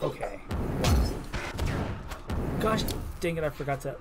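A man's voice: on the high side, very animated, a little slow. A young man giving casual gameplay commentary at home, muttering reactions and breaking into sudden exclamations. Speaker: gaming video creator. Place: room at home. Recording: loud background noise with mouse clicks.

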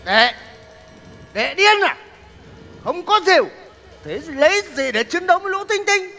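A man's voice: extremely high pitch, sing-song, unhurried, bright, forceful tone, full character voice. A man playing a bold elder prince brother, declaiming and half-singing his lines in Vietnamese chèo stage style. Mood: alarmed. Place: theatre stage. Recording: traditional music and hall reverb.

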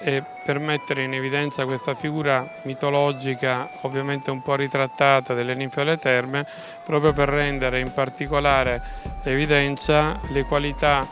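A middle-aged man answers interview questions as an event organiser. His voice sits at an average pitch. Music plays clearly behind him in an outdoor street. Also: little pitch movement, moderate pace. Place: outdoor town street at night. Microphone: handheld interview microphone. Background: music, outdoor street sound.

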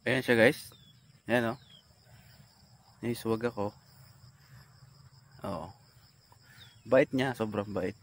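Speaking extremely slowly with long pauses, this man has a lowish voice. He's a farmer vlogger out on his tree-lined farm, talking casually to his audience and calling to his carabao while insects and animals sound around him.

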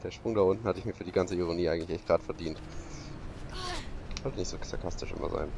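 A man's voice: low voice, quick pace, dull audio, noisy background. A man commentating a video game as he plays, sarcastic and exclaiming, talking to his viewers. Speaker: let's play commentator. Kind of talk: gaming commentary.

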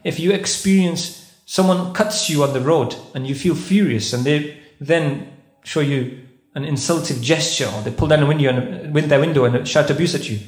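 Speaking at a normal speed with a fairly high-pitched voice, a man visiting a mosque conference gives a lecture in sermon style, quizzing the audience and reciting Arabic verses. The setting is an indoor, carpeted prayer hall with echoey acoustics.

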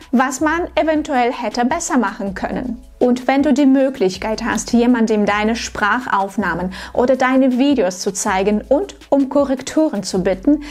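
A woman with a slightly high voice coaches German pronunciation in a scripted tutorial delivered to camera. She speaks slowly and articulates clearly, much like a teacher.

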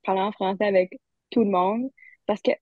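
Speaking at a normal speed with fairly even intonation, a university student guest from Barrie, Ontario, Canada talks about her studies in casual conversation. She is a young woman with a medium-pitched voice who chats easily and laughs a lot. The recording is dry and phone-like, without any room sound.

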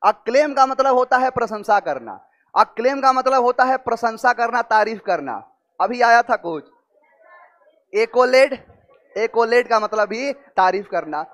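Male tutor, very high voice, drills word meanings with questions. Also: expressive, unhurried, fairly bright tone. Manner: explains with repeated questions to students. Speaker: teacher. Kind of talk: vocabulary lesson with memory tricks.

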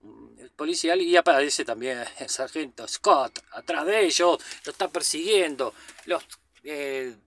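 A man's voice: fairly high pitch, measured pace, fairly bright tone. A man casually recapping a movie in a loose, slangy way. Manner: chatty, loose retelling with slang asides and fillers. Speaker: film commentator.

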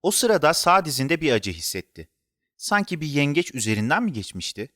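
Animated male storyteller. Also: on the high side, brisk, no echo, studio quality. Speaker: narrator. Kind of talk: scripted children's story narration.

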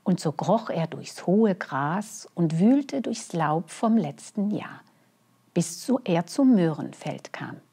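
Woman, bedtime story reading, very unhurried, slightly low husky voice, gentle, hushed endings. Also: sing-song.

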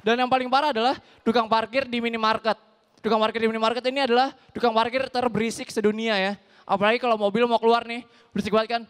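Young man, stand-up comedian, very high voice, animated delivery. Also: fast, clear, resonant tone. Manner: animated, acts out shouting brawlers.

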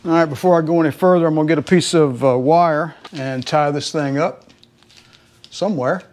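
A slightly high, darkish voice at a moderate pace belongs to a middle-aged Southern home mechanic. Lying under a car in his garage, he rambles through casual instructions, talking to his channel's viewers like folks.

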